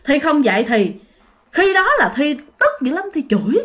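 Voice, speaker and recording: A woman's voice: high voice, very animated, moderate pace. A woman with a Southern Vietnamese accent telling her own ghost story dramatically, speaking straight to her listeners. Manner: dramatic, emphatic, addresses listeners directly. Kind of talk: first-person ghost story told to listeners.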